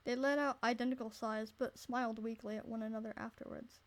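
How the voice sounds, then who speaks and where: Narrating a visual novel as casual let's-play chat, this woman trips over lines, restarts frequently and stops to crack jokes and curse. She speaks briskly with a high-ish voice and fairly even intonation.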